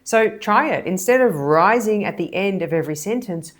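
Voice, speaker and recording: A woman hypnotist and body language coach explaining speaking techniques in a measured, deliberate, emphatic way. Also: mid-range voice, animated. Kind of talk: explanatory video lesson.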